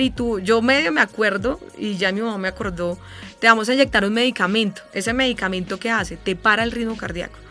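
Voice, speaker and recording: Colombian woman radio host, thirties, bright, lively storyteller in an interview, faint music behind. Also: mid-range voice. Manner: animated storyteller, imitates sounds and voices. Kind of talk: emotional personal interview.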